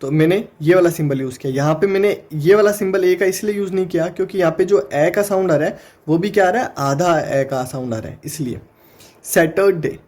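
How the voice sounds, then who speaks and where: Indian man, exam-prep tutor, higher-pitched voice, patient step-by-step explainer. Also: darkish tone. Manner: explains step by step, sounds words out slowly. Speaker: teacher.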